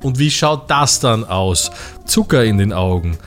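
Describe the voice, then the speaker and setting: Man, lively-pitched teasing comedy host, dry straight man, faint music behind. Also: a little slow. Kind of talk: absurd comedic banter.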